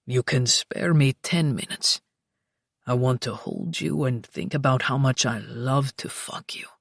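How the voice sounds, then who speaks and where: A woman voicing an older Italian mafia boss, speaking low, commanding and in a husky half-whisper. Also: a little slow, no room sound, studio quality, exaggerated voice. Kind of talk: audiobook dialogue reading.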